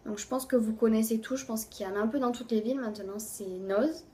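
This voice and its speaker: Casual beauty vlogger, a woman with a slightly raised voice, chatty, lets her phrases fade out quietly. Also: fairly high pitch, slight background noise. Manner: chatty, fills pauses with "voilà"; voice often trails off softly at phrase ends. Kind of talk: casual monthly favorites review.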